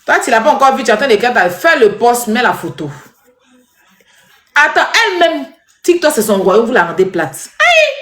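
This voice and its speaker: A woman giving animated, scolding commentary straight to her viewers. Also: fairly high pitch, moderate pace. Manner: animated, scolding, repetitive, addresses viewers directly. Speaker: social media commentator. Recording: echoey room.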